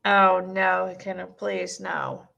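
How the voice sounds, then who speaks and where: A woman streamer with a squeaky voice chatting bluntly and rambling with her viewers, recorded on a cheap mic. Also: little pitch movement, slow pace, vocal fry, bright, forceful tone, muffled recording. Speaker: streamer reading chat. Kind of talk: casual live-stream commentary. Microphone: cheap twelve-dollar mic.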